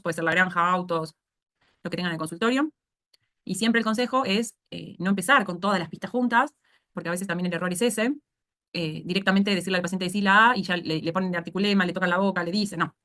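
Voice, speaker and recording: A woman's voice: on the low side, a bit bright. A woman with a Rioplatense Spanish accent lecturing as a speech therapy instructor in an online course, explaining things step by step and often checking in with "¿sí?". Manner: explanatory, asks "¿sí?" to check understanding.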